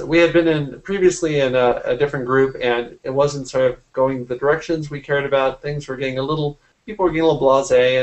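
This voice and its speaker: This rough recording, made on a computer mic during a video call, captures a man in his forties with a medium-pitched voice. He's an artist and art teacher being interviewed casually from a small indoor room at home, and he often rephrases mid-sentence.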